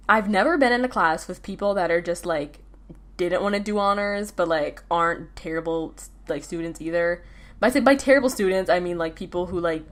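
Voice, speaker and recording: A teenage girl hosting a casual solo podcast, rambling with lots of fillers and restarts. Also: on the low side. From United States. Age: teens. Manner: rambling, filler-heavy, self-interrupting. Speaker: podcast host.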